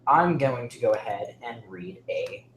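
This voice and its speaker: A man's voice: medium pitch, animated, measured pace, a bit bright. Guy hosting a stream, chatty, lots of uh and like, echoey room with faint hum behind. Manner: chatty, filler-heavy host talk. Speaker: livestream host. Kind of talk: casual livestream chat.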